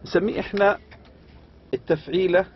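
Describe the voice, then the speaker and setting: A man with an Arabic accent lecturing on poetry, reading slowly and adding quick asides. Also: sits high, slightly rough. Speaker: university lecturer. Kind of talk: lecture explaining English meter, mixing English and Arabic. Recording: dull lo-fi lecture recording.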